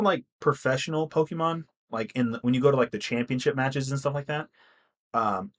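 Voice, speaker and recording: Young male podcast co-host, lively pitch, casual, swears a lot. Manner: animated, swears freely, rambling. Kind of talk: casual chat.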